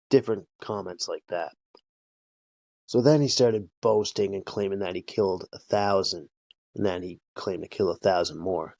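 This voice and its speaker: A low, gravelly-voiced man retelling a true-crime case on a podcast, casual and profane, checking in with listeners as he goes. The sound is dry and close, with a dull lo-fi tone. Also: darkish tone, no room sound. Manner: loose, profane, conversational with frequent "right?" and "like". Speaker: podcast host.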